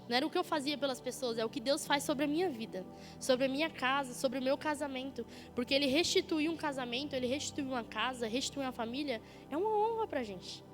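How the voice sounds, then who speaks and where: Young woman church leader, high voice, lively testimony with acted-out dialogue, faint music under it. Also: long reverb tail. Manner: lively storytelling, acting out dialogue. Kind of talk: testimony sermon.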